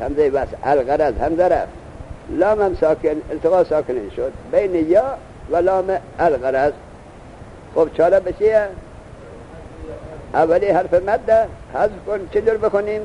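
A man's voice: sits high, mellow, slight background noise, poor audio. A man teaching a grammar lesson, explaining step by step and asking his students questions.

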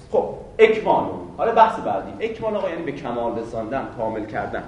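A man's voice: sits high, a bit bright, lo-fi sound, slight background noise. A man teaching a grammar lesson to a class, firing questions at the students and answering them himself. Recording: very echoey room from far off.

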